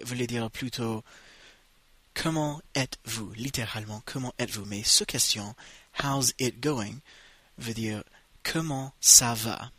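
Slow, bright-toned male language teacher. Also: medium pitch, slightly rough, dry recording. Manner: slow, drawn-out model phrases for repetition. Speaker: English teacher. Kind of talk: bilingual language lesson.

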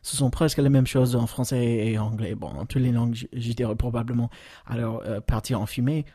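This American podcast host and English teacher has a husky, mid-range voice, dark and mellow, with fairly even intonation. He pauses often on fillers, slows down for model phrases, and is recorded close and dry with no room sound.

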